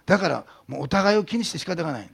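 A man preaching a sermon in a rough, raspy voice full of gravel. He talks quickly with a lively, swooping pitch, slipping into the voices of the people in his stories. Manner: animated storytelling, acting out quotes. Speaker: pastor.

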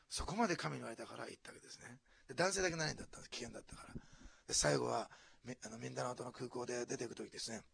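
A male pastor from preaching a sermon, dropping to hushed asides and then rising to loud, animated exclamations. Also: medium pitch, gravelly, slightly rough. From Japan, Osaka.

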